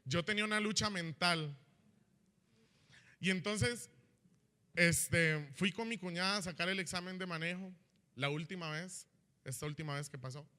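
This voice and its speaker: A young man telling his personal testimony in church as an animated storyteller who keeps asking "¿verdad?". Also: high-pitched, normal speed, pauses often. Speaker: church member giving a testimony. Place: church hall.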